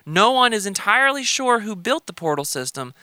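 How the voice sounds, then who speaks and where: A man's voice: sits high, sing-song, brisk, sharp tone, clean tone, no room sound. A man hosting a casual podcast chat, laying out lore and then joking crudely with his friends. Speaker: podcast host presenting a lore topic.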